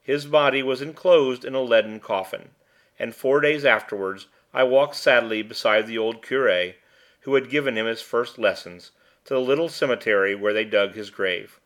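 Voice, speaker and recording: A man narrating a short story in a measured, even reading voice. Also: mid-range voice. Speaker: audiobook reader. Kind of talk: scripted narration.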